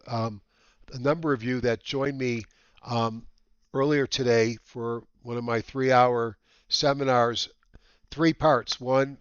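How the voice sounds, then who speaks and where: Guy doing a casual market update, nose whistles, halting and rambly, dry kinda muffled home recording. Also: mid-range voice, a bit bright, no echo. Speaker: trading educator hosting a market update. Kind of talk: casual semi-scripted market commentary. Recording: slightly dull, lo-fi dry recording.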